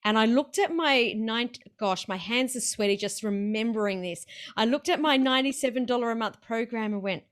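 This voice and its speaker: Excited chatty woman hosting an interview. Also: a little high. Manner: excited, chatty, quick laughs. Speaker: podcast host. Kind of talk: casual interview chat.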